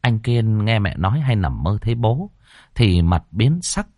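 A man reading a ghost story in a dramatic, expressive way. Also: fairly low pitch, a little slow, dry recording, clean studio sound. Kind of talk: scripted ghost story narration.

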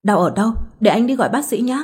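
Woman narrator reading doting young husband, soft coaxing storybook voice. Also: mid-range voice, animated, quick pace, breathy edge. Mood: worried.

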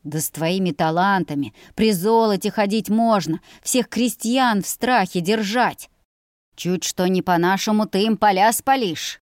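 A woman's voice: mid-range voice, measured pace, no room sound, clean studio sound, close to an everyday voice. A woman voicing a crude, greedy teenage older brother who sneers and threatens. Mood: scornful. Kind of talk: audiobook character voice.

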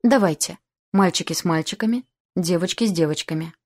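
A cheerful, teasing spacer dad who likes to joke with the children, as voiced by a woman reading an audiobook. His lines come out bright and bossy in a friendly way. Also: fairly low pitch, lively intonation, moderate pace, husky. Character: jolly male crewmate, father.

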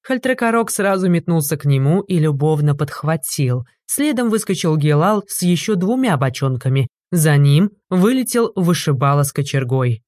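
A woman narrating an audiobook in a lively, mocking manner. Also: low voice, normal speed, few pauses, no echo, studio quality.

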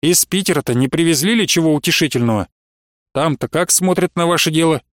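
A man voicing a kindly, comforting middle-aged merchant who speaks in an unhurried, consoling way. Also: a little high, no room sound, studio quality, lightly acted. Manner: warm-hearted, consoling, unhurried.

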